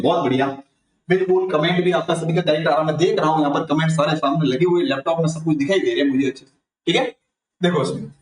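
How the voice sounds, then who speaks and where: A man with a Rajasthani Hindi accent teaching an online grammar lesson, asking the class questions and answering them himself. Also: on the high side. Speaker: tutor. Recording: echoey room, mic far off.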